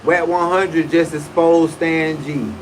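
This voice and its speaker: A man in his forties rambling through a casual livestream, his voice sitting a little high for a man. He talks in loose, profane slang, often restarting his sentences mid-thought. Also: fairly even intonation, slow pace, slight background noise, low-quality recording. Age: 40s. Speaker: livestream host.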